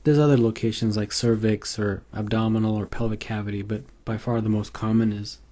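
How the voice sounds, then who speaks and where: A man's voice: fairly low pitch, little pitch movement, a little fast, dark tone. A man giving an unscripted medical exam tutorial over slides, hesitant and full of fillers and restarts. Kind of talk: unscripted instructional lecture.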